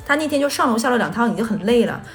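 Brief: woman podcast co-host, slightly high voice, rapid lively storytelling. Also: soft background music. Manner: fast animated storytelling. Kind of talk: casual chat.

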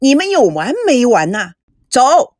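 A woman reading a story aloud, voicing a rough, impatient male soldier who barks orders. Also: fairly high pitch, sing-song, a little slow, no room sound, studio quality, pitched above the performer's own voice. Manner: barking, shouting orders.

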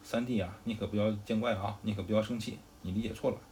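A man playing a gentle soothing noblewoman. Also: lowish voice, fairly even intonation, fast, a little hiss or hum, close to an everyday voice. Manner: soothing, reassuring. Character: gentle noblewoman, older sister-in-law.

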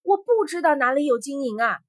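A woman voicing a poor, meek old man in rags who answers quietly and pleads, in a storybook tale. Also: very high-pitched, sing-song, normal speed, no echo, clean studio sound, full character voice. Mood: pleading.

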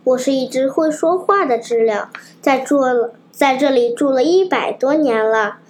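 A woman reading a storybook, voicing a wise old talking cicada who lectures calmly. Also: high voice, moderate pace, a little hiss or hum, lightly acted. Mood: calm, admonishing. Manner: calm, lecturing.

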